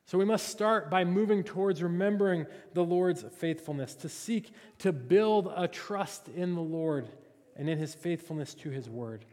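A male pastor delivers an earnest, expository sermon. His voice sits high for a man. The recording carries the long, ringing reverb of a church sanctuary. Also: normal speed, darkish tone.

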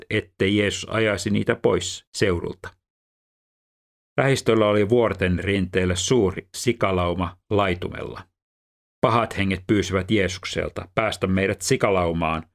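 Deep gravelly male scripture reader.

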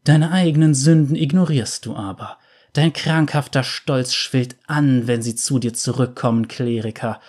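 A man's voice: mid-range voice, normal speed, darkish tone, slightly rough, lightly acted. A man voicing a veiled female spirit, cold and stern, in a storybook reading. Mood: menacing. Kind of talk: storybook narration.

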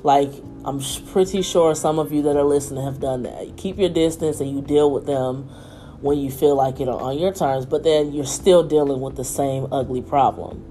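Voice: medium pitch, steady tone, normal speed, mellow, soft background music. A podcast host reading their own essay aloud as a candid, emphatic personal monologue, breaking off for off-the-cuff asides.

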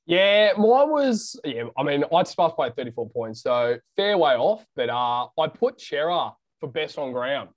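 A man's voice: a little high, big pitch swings, a little slow, hardly any pauses. A young man with an Australian accent chatting casually about sport as a podcast panellist, in a blokey, slangy way.

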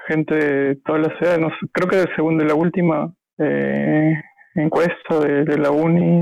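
A man, his voice a little high and gravelly. He talks in a flat, hesitant way, full of fillers and restarts, recorded dry and close. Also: dry recording, rough recording. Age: 30s. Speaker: podcast guest. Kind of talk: casual podcast chat.

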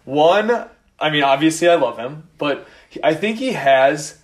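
A man co-hosting a casual fantasy football podcast, building his points slowly with many hesitations. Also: fairly high pitch, lively intonation. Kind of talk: casual chat.

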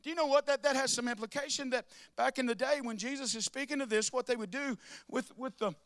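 A middle-aged man preaching a sermon as pastor, calling on people by name and rising to shouts. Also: very high-pitched, fairly even intonation, quick pace, no room sound, studio quality. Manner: preacherly, calls on congregation by name, rises to shouting.

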